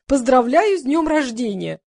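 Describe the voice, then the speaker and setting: A woman's voice: sits high, sing-song, moderate pace, creaky, darkish tone, dry recording, clean studio sound, pitched above the performer's own voice, heavily acted. Woman doing a muddled vain old crooner. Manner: confused, self-important. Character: vain elderly male pop-singer deputy, muddled.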